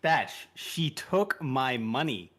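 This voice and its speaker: A man's voice: mid-range voice, animated, slow, a bit bright. A man in a tabletop game, talking in a joking, sardonic way. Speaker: player. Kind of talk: casual chat.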